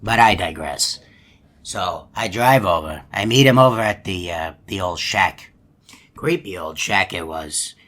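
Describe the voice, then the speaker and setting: An actor playing a folksy, long-winded, gullible hippo animatronic in a video game, telling stories in a polite, meandering way. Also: male voice, sits low, lively intonation, unhurried, a bit bright, heavily acted. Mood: genial, reminiscing. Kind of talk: video game character monologue.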